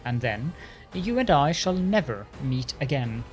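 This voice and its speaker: A man's voice: fairly high pitch, expressive, a little slow. An arrogant, sneering undead lich lord acted out by a man from a fantasy game. He speaks with haughty command and imperious disdain, over a bed of music. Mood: arrogant, gloating. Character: arrogant undead lich, lordly old military master. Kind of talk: dramatic voiced game dialogue.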